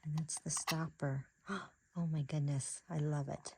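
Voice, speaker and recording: A woman's voice: low voice, unhurried, noisy background. A woman chatting casually on camera as she unboxes craft supplies, gasping and gushing over each item. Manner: gasping, excitable, chatty with restarts. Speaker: crafting vlogger.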